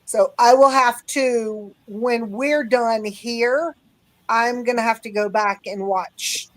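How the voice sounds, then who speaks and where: Unhurried woman with a higher voice. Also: steady tone, dry recording, poor audio. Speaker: livestream co-host. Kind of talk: casual livestream chat.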